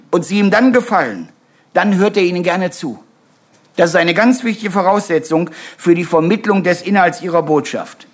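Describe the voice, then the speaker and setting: A high-pitched man gives a live seminar talk, leading a public speaking workshop for a group in person. He sprinkles in wry, self-mocking asides and tosses tag questions to the audience.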